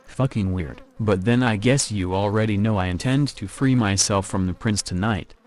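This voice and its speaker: A man's voice: lowish voice, normal speed, a little mellow, lightly acted. A synthetic text-to-speech man's voice playing a blunt, sardonic vampire recruit in video game dialogue. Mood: dry.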